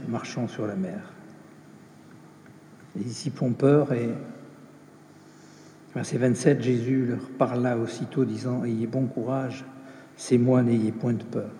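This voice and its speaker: A man preaching a slow, measured sermon, dropping softly when he quotes scripture. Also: mid-range voice, slight background noise. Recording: echoey hall with long reverb.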